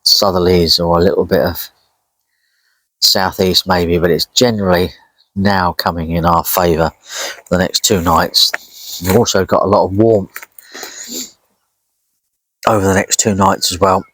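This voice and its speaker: A man's voice: deep voice, little pitch movement, unhurried, pauses often, fairly bright tone, dry recording, rough recording. A man chatting casually and unhurriedly as he narrates an outdoor fishing vlog by a lakeside, rambling as he goes. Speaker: angler vlogging a fishing trip.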